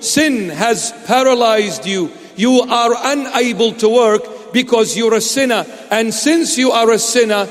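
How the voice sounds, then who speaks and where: In a sermon, a man with a high-pitched voice speaks slowly and deliberately, emphatic as he repeats rhetorical questions and slips in playful, teasing asides. His voice carries through a church hall with long reverb.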